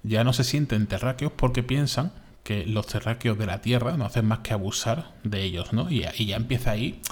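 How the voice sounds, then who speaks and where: A man from Spain with a Spain Spanish accent, co-hosting a podcast in casual, animated chat, full of fillers and repeats. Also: medium pitch, a little fast. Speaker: podcast co-host.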